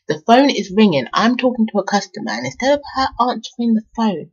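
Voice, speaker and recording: A woman's voice: mid-range voice, a little mellow, slightly rough. A woman telling a story from her own life in a casual vlog, laughing often and swearing freely. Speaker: vlogger. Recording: dull lo-fi sound.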